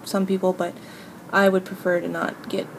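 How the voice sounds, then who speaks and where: A woman hosting a casual, unscripted craft tutorial, talking informally and haltingly as she thinks aloud. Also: fairly low pitch, level tone, gravelly. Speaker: hobby video host. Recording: noisy home recording.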